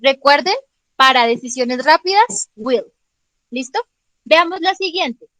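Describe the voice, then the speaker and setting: Woman, teacher, online class, high voice, dry close sound, keeps checking understanding, calls on students by name. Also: animated, unhurried, a bit bright, no echo, low-quality recording. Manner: patient, checks understanding with frequent questions. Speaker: English teacher.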